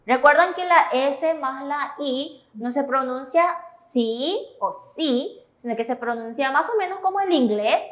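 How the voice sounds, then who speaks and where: A woman teaching Korean syllables, explaining slowly and checking understanding as she goes. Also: high-pitched, a bit bright. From Paraguay. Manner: slow, careful, checks understanding with "¿verdad?". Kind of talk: classroom explanation.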